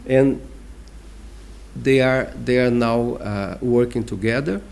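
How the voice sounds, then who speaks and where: A man with a Brazilian accent answering interview questions as a diplomat, explaining deliberately and emphatically with pauses. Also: mid-range voice, fairly even intonation, creaky, a little mellow. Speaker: ambassador giving an interview.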